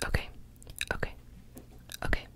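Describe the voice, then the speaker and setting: Sitting in a small room with a gaming chair, a woman in her twenties leans into a desk mic placed close in front of her for a whispered ASMR scene. Playing a brisk medical examiner, she fires off fast, clipped, repetitive instructions, repeating short words over and over.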